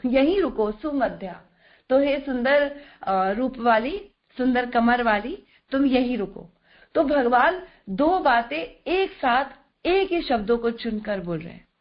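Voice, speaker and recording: Woman scripture teacher, high voice, explanatory, rhetorical questions, dull lo-fi video call audio. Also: lively intonation, slow pace. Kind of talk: scripture class explaining verses.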